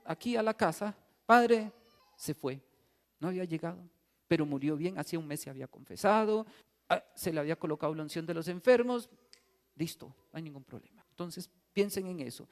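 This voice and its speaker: Animated priest in echoing church. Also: male voice, sits high. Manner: animated, humorous storytelling. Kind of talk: sermon. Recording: reverberant church hall.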